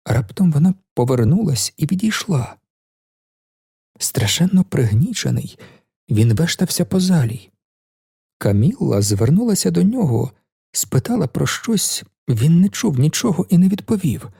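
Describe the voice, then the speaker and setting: A man narrating a novel in an audiobook, measured and expressive. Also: a little high, creaky, husky. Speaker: audiobook reader.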